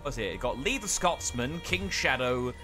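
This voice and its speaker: A man casting a live game stream in casual chat, reading chat aloud with quick asides. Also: medium pitch, animated, over music. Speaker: esports caster.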